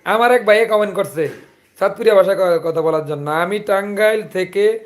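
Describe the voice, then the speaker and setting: A man with a rather high voice and a Chandpur Bengali accent hosts a relaxed live chat. He greets viewers one by one and keeps asking them to comment. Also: moderate pace. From Bangladesh, Chandpur. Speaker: livestream host.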